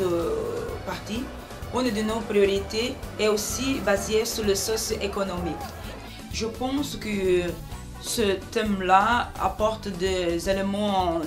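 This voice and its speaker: A woman from Belgium giving interview answers at a very slow, deliberate pace, often pausing with hesitations. Her pitch sits in the middle range. Clear background music plays under her voice. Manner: slow, measured, with frequent hesitations. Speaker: political candidate.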